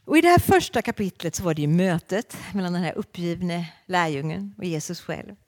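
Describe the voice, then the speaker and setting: A woman's voice: fairly low pitch, lively intonation, darkish tone. A woman preaching a sermon to a congregation in a church, speaking expressively with frequent hesitations.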